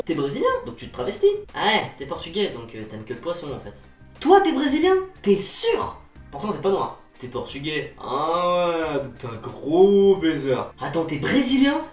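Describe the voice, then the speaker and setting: A young man jokes his way through a casual vlog monologue, swinging from loud outbursts to low, muttered asides. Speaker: YouTuber. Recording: roomy sound from a distance.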